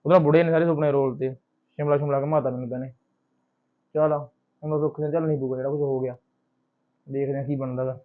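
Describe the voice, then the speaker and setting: A man's voice: mid-range voice, fairly even intonation, fast, pauses often, narrow, tinny audio, natural voice. A man playing a rueful young husband. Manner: rueful, complaining. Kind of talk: Punjabi short film acting.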